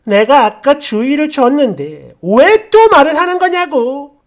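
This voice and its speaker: A woman doing a shrill furious rude mother. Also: lively intonation, normal speed, natural voice. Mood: huffing. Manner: shrill yelling, sneering.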